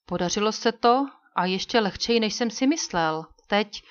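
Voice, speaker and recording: A woman's voice: medium pitch, animated, clean tone, lo-fi sound, close to an everyday voice. A woman voicing a bold, commanding male frontier hero who gives firm orders.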